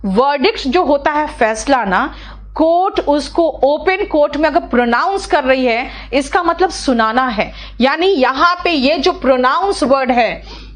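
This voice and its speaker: A woman teaching English in a live online class, explaining in Hindi with English terms, fast and chatty, calling her students "beta" and repeating key words. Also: high-pitched.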